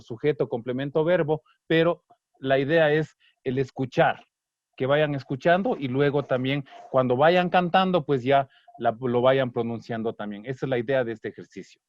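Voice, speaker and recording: A man teaching an online Kichwa language class, patiently breaking down song lyrics and slowly repeating words. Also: mid-range voice, fairly even intonation, dry recording. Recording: dry, slightly dull online class audio.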